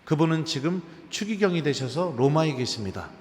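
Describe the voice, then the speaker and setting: Man, priest, humorous storytelling lecture, slightly high voice, long cathedral reverb. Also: a little fast. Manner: lively humorous storytelling with quiz questions to the audience. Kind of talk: lecture to a live audience. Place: large cathedral.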